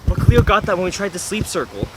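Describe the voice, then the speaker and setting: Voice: mid-range voice, sing-song, fast talker, natural voice. An actor playing an anxious, bewildered little boy in an indie film, hesitant and questioning. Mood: confused. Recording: noisy film location sound.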